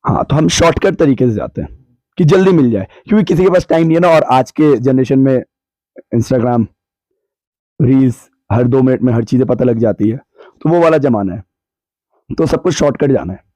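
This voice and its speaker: A man with a sore, hoarse throat, explaining his views on a podcast in a measured way that weighs both sides. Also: medium pitch, animated, dark tone, dry recording. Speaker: podcast guest answering questions. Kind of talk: reflective podcast discussion. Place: cold hill town, bundled up.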